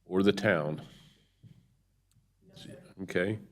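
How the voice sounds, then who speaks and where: A man's voice: low-pitched, drawn-out words. A man chairing a public board meeting, moving through formal procedure with informal asides.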